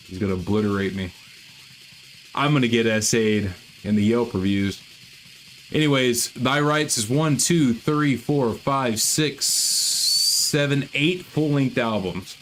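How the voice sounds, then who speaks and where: A man's voice: fairly low pitch, unhurried, a bit bright, a little hiss or hum. A man hosting a casual livestream, chatting loosely about metal bands with lots of swearing and restarts. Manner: profane, rambling, self-deprecating. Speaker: livestream host.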